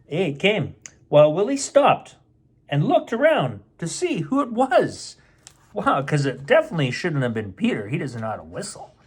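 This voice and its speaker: Reading a picture book to children, this middle-aged bedtime-show host and storyteller adds playful, chatty asides along the way. His fairly high voice has huge pitch swings and a breathy edge, delivered at a normal speed.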